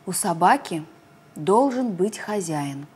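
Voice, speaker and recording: A woman's voice: lowish voice, lively intonation, slow pace, a little mellow, slightly rough, exaggerated voice. A woman voicing a small, boastful frog who claims to be a dog, in a storybook reading.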